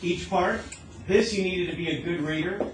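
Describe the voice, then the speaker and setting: Over a noisy background, a math teacher with a high voice walks his class through each step at normal speed. He often stops to ask questions that check whether students understand.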